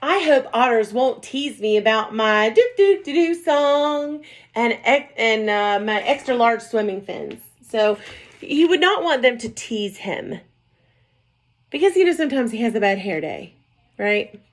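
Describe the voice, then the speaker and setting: Lady teacher reading a storybook to kids, sing-songy, keeps asking "right?", kinda high. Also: expressive, unhurried. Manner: gentle, sing-song, often checks in with "right?" and "okay?". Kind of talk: reading a picture book aloud to young children.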